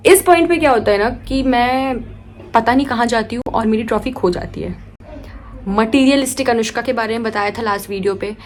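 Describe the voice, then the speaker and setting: A young woman vlogger telling a personal story in a lively, animated way, switching between Hindi and English and acting out her own quoted lines. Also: fairly high pitch. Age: young adult. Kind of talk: casual storytelling vlog.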